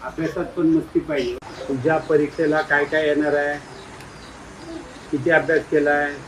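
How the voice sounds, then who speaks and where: A man playfully quizzing schoolchildren, coaxing and teasing them and urging them to speak louder. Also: a little high, flat delivery, moderate pace, slight background noise, low-quality recording. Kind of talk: playful classroom questioning.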